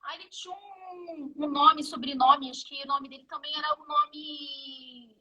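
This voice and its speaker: A woman's voice: high-pitched, steady tone, unhurried, sharp tone, lo-fi sound. A Brazilian woman in her fifties with a Brazilian Portuguese accent, a guest in a casual interview, who tells stories vividly and acts out the dialogue. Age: 50s.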